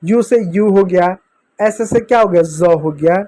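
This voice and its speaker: A man's voice: sits high, a little slow, dark tone. A man teaching English pronunciation to beginners, drilling each word step by step and answering his own questions. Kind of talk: explaining a phonics lesson to beginners.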